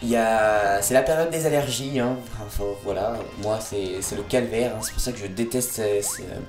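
A man's voice: on the low side, moderate pace. A man commentating his gameplay, chatty and full of fillers, a bit congested from allergies. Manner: chatty, exclaims at the game, many fillers. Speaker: let's play host. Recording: echoey room with faint game music. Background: faint game music.

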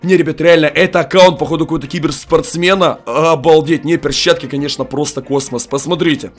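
Hyped and full of amazed exclamations, a young man makes a mobile gaming video on a headset in a small room at home, urging viewers to like and use promo codes. He sounds a little sick, and his high-leaning voice is steady and a little fast, with faint music behind.

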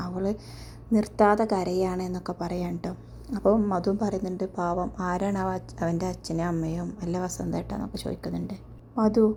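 Mellow-voiced woman recapping a serial. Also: medium pitch, slight background noise. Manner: chatty, conversational storytelling with tag words. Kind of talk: casual retelling of a TV episode.

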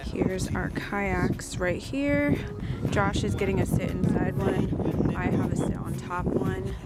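A woman's voice: fairly low pitch, steady tone, slow pace, heavy background noise. A young adult woman vlogging to a camera held at arm's length inside a car, chatting in a rambling way with fillers and self-corrections. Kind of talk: casual vlog talk to camera. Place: inside a car, window open.

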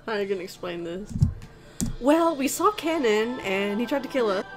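Young woman, fairly high voice, excitable let's-play chatter with game music underneath. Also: moderate pace, low-quality recording. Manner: excitable, swearing, bursts of laughter. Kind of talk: casual chat while playing a visual novel. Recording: music playing behind.

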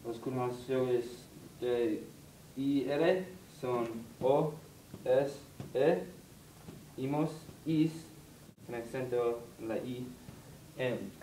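Very slow, halting man in an echoey room. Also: mid-range voice, mellow, slight background noise. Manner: halting, spells out verb endings one by one. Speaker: student presenting a lesson. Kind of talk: slow recited grammar lesson. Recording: echoey room, mic far off.

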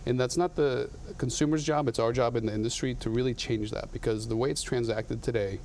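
Guy in his 30s, gravelly, keeps restarting his sentences, studio interview on a lapel mic. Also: mid-range voice, fairly even intonation, a little mellow, a little hiss or hum. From Latin America. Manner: earnest, halting with frequent restarts. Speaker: guest, coffee company founder.

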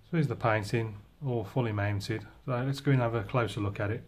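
At an easel in an indoor studio, a watercolour painting instructor gives a casual demonstration, his lowish voice steady in tone and fairly quick, with lots of restarts as he thinks aloud. The room echoes and background noise is clearly audible.

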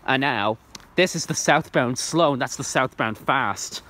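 Medium in pitch and measured in pace, this young man's voice has a sharp tone. He's an Irish trainspotting vlogger recording on a handheld phone at an outdoor platform, his enthusiastic commentary rambling along with many ums and restarts.

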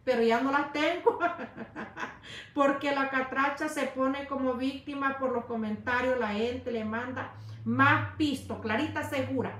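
A woman talking casually to her viewers, animated and repetitive, speaking to them directly. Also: sits high, moderate pace, a little hiss or hum. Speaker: YouTube commentator. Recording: roomy echo.

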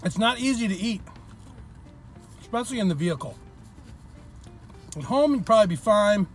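A man's voice: sits high, expressive, normal speed, faint music behind. A man reviewing food in his car, talking with his mouth full between bites. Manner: chatty, chewing between remarks. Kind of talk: casual food review vlog. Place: inside a parked car.

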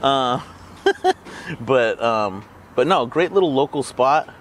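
Male food vlogger, mid-pitch, loose and rambling with jokey asides, faint traffic ambience. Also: expressive, takes it slowly. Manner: rambling, joking asides while eating. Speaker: burrito reviewer and channel host. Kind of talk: casual food review vlog.

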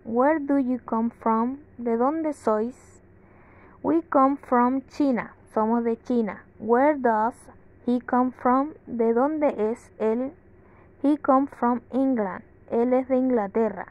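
A woman reading an English grammar lesson aloud from a textbook, slowly and carefully with pauses. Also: a little high. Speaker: English teacher. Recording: dull lo-fi sound.

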